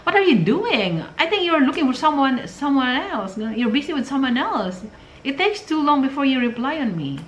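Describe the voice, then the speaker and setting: A shrill, nagging girlfriend voice, put on by a woman vlogger, pitched well above her usual talk and accusing her partner of chasing someone else. It sits in a roomy space with a faint hiss behind it. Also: very animated, normal speed. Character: jealous demanding girlfriend, young woman, accusing.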